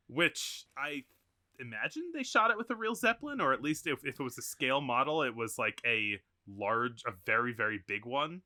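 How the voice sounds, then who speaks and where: A man's voice: mid-range voice, very animated, normal speed, bright, forceful tone. A man co-hosting a podcast, talking casually about a film in rambling sentences with frequent fillers and laughs. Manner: rambling, many restarts and fillers, laughs often. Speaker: podcast co-host.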